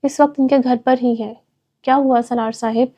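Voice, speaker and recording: Woman reading a timid housemaid, deferential, higher voice. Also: steady tone, warm tone. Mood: hesitant. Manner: hesitant, deferential. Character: wary, timid housemaid, middle-aged.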